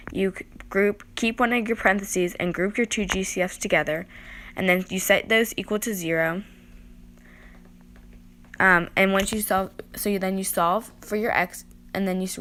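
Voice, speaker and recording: A woman giving a procedural, repetitive walkthrough of math practice problems as a student presenter. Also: medium pitch. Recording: faint background noise.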